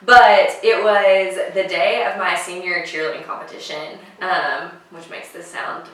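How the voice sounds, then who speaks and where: A twenty-one-year-old woman telling a story in casual chat, giggly and full of "like", with a far camera mic in a bright dining room. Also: on the low side, fairly even intonation, a little slow, very echoey, a little hiss or hum. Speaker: co-host.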